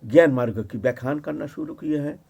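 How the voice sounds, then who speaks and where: A man, a spiritual teacher, speaks at an ashram in a devotional discourse. His voice sits fairly high for a man. He tells the story with lively, animated delivery, leaps into acted-out quoted speech and keeps tossing short rhetorical questions to his listeners. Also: a little fast, creaky, slightly rough.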